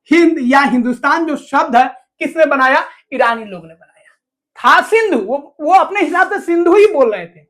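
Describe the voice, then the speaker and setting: A woman teacher explaining a school lesson, asking questions and answering them herself with lots of repetition. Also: sits high. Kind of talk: classroom lesson explaining to students.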